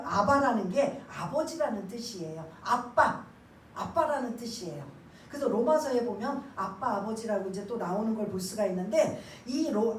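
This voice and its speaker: High-voiced woman preaching in an echoey church. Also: a little hiss or hum. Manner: asks the congregation questions and waits for answers; drops to a hushed voice to act out prayers. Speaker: pastor. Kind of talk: sermon. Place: church sanctuary. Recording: echoey church room, mic at a distance.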